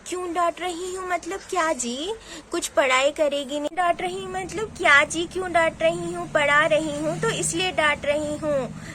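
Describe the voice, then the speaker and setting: A woman playing a frazzled village mother in a doll story, complaining, high voice. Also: steady tone, normal speed, bright, forceful tone, slight background noise. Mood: indignant. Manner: indignant, complaining. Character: harried village mother, quick to scold.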